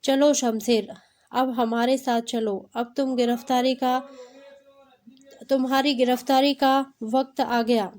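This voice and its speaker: A woman's voice: high-pitched, little pitch movement, slow, darkish tone. A woman reading the lines of a stern, fatherly army colonel in a storybook tale.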